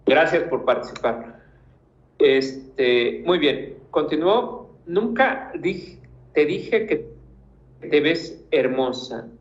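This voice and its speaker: Patient teacher, slow and roomy. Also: male voice, on the high side, muffled recording. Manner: patient, encouraging, gives corrections by name. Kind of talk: online class feedback.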